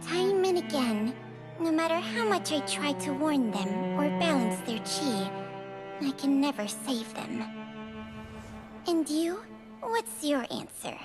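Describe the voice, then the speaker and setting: A woman voicing a small, ancient female snake spirit in a video game, weary, wry and deliberate in manner. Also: high voice, very animated, heavily acted. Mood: weary, wistful. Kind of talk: scripted video game voice acting. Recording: clear music behind the voice.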